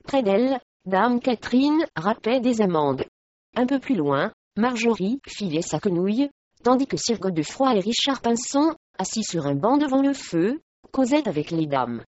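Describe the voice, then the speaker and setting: Woman, audiobook narrator, calm even reading, dry muffled recording. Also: a little high, moderate pace, dry recording. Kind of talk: scripted storybook narration.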